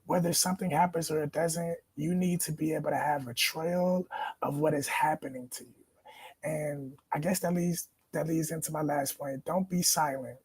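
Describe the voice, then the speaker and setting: A man's voice: on the high side, steady tone, moderate pace, darkish tone, husky, dry recording. A man, a graduate student leader, giving firm, encouraging advice on a video call panel. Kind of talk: panel discussion.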